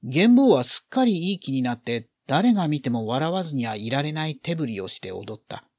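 A man narrates a literary story in a vividly animated voice whose pitch rises and falls freely. His middle-pitched delivery colors each feeling in the narration. The recording is close and dry, with no room sound. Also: fairly quick, no room sound. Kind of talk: expressive literary reading.

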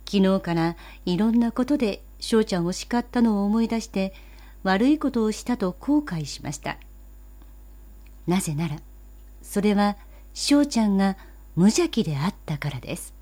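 A woman narrating a children's story in a gentle, even, politely old-fashioned way. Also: mid-range voice, moderate pace. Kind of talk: storybook reading.

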